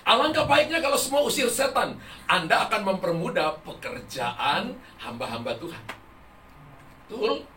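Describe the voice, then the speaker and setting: A man preaching a sermon as a pastor, emphatic and rising loud on key words, and telling stories with quoted dialogue. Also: sits high, big pitch swings, normal speed, noisy background. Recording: echoey hall, voice from far off the mic.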